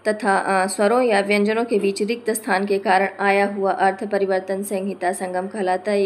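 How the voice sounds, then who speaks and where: A woman teaching a lesson, reading from notes, slowing to spell out example words and correcting herself as she goes. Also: medium pitch, slight background noise. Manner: corrects herself mid-phrase.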